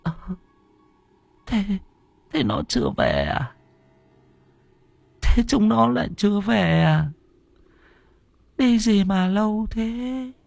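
A man's voice: very animated, slow pace, creaky, pauses often, darkish tone, no echo, full character voice. A man voicing a dazed old mother who wails and asks confused questions about her children. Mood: wailing. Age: older. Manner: high wailing, confused questions.

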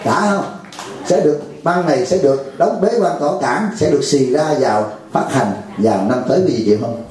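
Jovial monk in an echoey hall. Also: male voice, a little high, brisk, crowd noise. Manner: jovial, teasing, acts out a caller's pleading voice. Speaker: Buddhist monk teacher. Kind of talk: dharma talk to lay audience.

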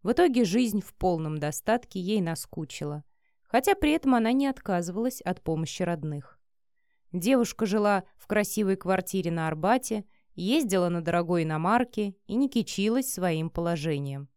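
A woman reading a romance novel aloud as an audiobook narrator, in an even, steady manner. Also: on the low side, normal speed, dry recording, studio quality.

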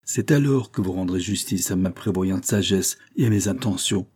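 A man reading the lines of a cold, scheming aristocrat who threatens in a smooth, controlled way. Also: sits low, moderate pace, darkish tone. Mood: menacing.

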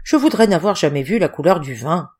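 A woman voicing a hungover, grumbling middle-aged male roadman who whines and complains loudly in an audiobook. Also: lowish voice, animated, normal speed. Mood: grumbling, complaining. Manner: whining, complaining, loud.

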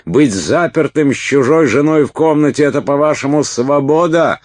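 A male reader voicing a prudish, awkward man who shouts in indignation. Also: rumbling low, moderate pace, no echo, clean studio sound. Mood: indignant. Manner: awkward, then shouting in outrage. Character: flustered, prudish man, easily outraged.

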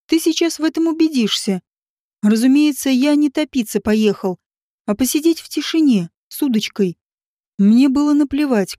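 A woman reader voicing a brooding middle-aged husband with a low, heavy, sardonic delivery. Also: mellow, no room sound, studio quality.

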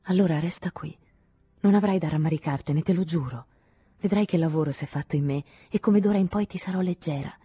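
A woman's voice: sits low, brisk, mellow, husky, no echo. A woman voicing an anxious, clinging woman who talks to her lover in an earnest, pleading way in an audiobook reading.

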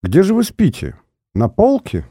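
A man's voice: high voice, unhurried, no echo, clean studio sound, pitched above the performer's own voice, full character voice. A man doing a cold mocking killer. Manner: mocking, calm and menacing.

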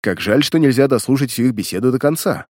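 A man's voice: medium pitch, expressive, fast, darkish tone, dry recording, studio quality, lightly acted. A man voicing a shrewd, keen male detective.

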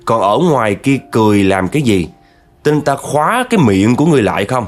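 A man's voice: medium pitch, very animated, fairly quick, lightly acted. A man voicing a stern old female village fortune teller who speaks in a commanding, scolding way.

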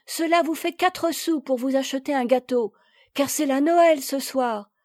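Lady reading as a sweet chatty little girl, high and a bit louder, storybook tale. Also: measured pace, no room sound, studio quality. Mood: eager. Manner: chattering, earnest and kind.

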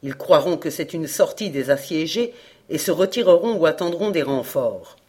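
A woman's voice: sits low, animated, moderate pace, a little mellow, husky. A woman voicing a tough frontier hunter who talks bluntly and urgently. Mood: decisive.

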